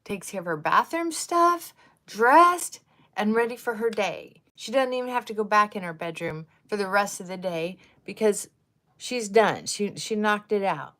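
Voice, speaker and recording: A woman in her sixties talks unhurriedly as she puts on her makeup, her voice sitting at an ordinary middle pitch. She rambles from thought to thought and now and then sinks into a soft murmur. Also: animated, a little slow. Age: 60s. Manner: rambling, wandering off on tangents. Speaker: livestream host. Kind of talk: casual chat while doing makeup.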